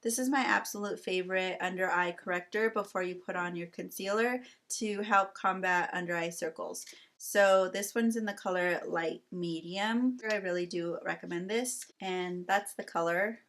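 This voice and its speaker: A woman's voice: lowish voice, normal speed, a bit bright. Chatty woman doing a beauty haul. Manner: chatty, with many fillers like "um" and "like". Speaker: beauty vlogger. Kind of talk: casual product haul chat.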